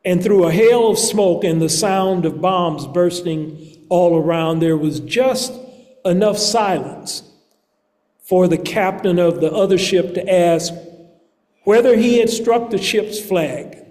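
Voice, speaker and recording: A man with a rather high voice delivers a sermon at an unhurried, measured pace. His words ring out in a large church with a long, lingering reverb. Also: a little mellow. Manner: slow, measured preaching with deliberate pauses. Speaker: preacher.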